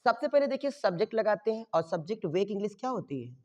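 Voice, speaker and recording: A man's voice: sits high, big pitch swings, fast. A male teacher explaining grammar to his class, asking questions and answering them himself, often checking in with "okay?". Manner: checks in with "okay?" after each step. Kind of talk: grammar lesson. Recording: dull muffled sound with long reverb.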